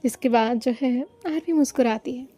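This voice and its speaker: A woman narrating a romance story in a plain, steady way. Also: high voice, normal speed.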